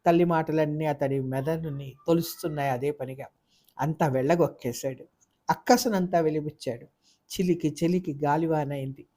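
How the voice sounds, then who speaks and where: A narrator reading a Telugu serialized novel aloud in an expressive, dramatic way. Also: medium pitch, normal speed. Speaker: audiobook narrator.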